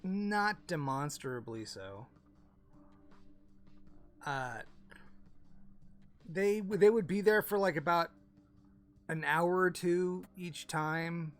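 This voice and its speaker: A man voicing a nosy elderly woman neighbor in a tabletop game, hesitant and stammering with many fillers. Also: a little high. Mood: musing. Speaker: game master. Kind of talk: tabletop role-play, improvised character voice.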